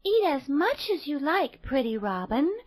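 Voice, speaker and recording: A woman voicing a kind, sweet little girl in a storybook reading, with a bright sing-song lilt. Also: sits high, big pitch swings, a little slow, pitched above the performer's own voice.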